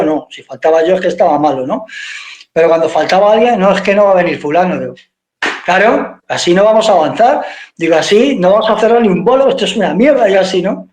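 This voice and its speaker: A man, a guitarist guest telling anecdotes in an interview, acting out the quoted dialogue and swearing casually. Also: fairly high pitch. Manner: lively storyteller who acts out quoted dialogue. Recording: echoey room.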